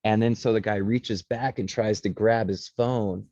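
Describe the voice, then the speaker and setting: Low dark-voiced man telling stories. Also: unhurried, no room sound, muffled recording. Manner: animated storyteller, swears, many fillers. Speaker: podcast co-host. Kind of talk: casual chat.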